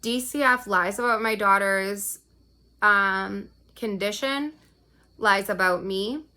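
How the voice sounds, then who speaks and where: A woman's voice: mid-range voice, slow pace, bright, forceful tone. A woman, a parent, delivering a heated, profane personal rant to the camera, often tagging her points with "right?". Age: adult parent. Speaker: vlogger recounting a custody fight.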